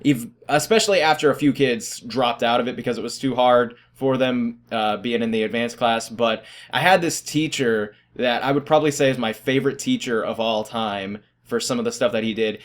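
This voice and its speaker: A man's voice: medium pitch, normal speed, few pauses. A teenage boy casually telling stories about his school days, rambling and self-deprecating, often laughing at himself. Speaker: vlogger. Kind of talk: casual storytelling.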